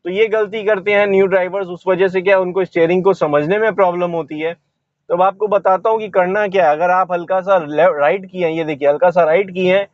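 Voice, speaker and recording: A man's voice: high voice, fairly even intonation, brisk, no echo, dull audio. A man giving a driving lesson while he drives, explaining each step and pointing out what he is doing as he goes. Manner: explanatory, repeats "ye dekhiye" while demonstrating. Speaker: driving instructor. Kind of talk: instructional commentary while driving. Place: inside a car while driving.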